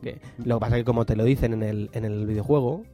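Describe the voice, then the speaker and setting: A man's voice: medium pitch, fairly even intonation, fast, mellow, soft background music. A man co-hosting a podcast, telling anecdotes casually with many tag questions. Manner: storytelling with many filler tags and restarts. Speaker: podcast co-host.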